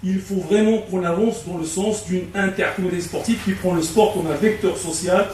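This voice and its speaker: A man speaking formally at a public debate, halting, with many fillers and restarts. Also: sits high, fairly even intonation, a little mellow, a little hiss or hum. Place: community hall. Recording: echoey hall from far off.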